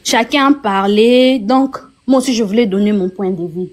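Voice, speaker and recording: Woman from Kinshasa, fairly high voice, trembling and emotional, insistent, live-stream debate guest. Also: moderate pace, a little mellow. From DR Congo, Kinshasa. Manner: shaky, emotional, apologetic, insistent.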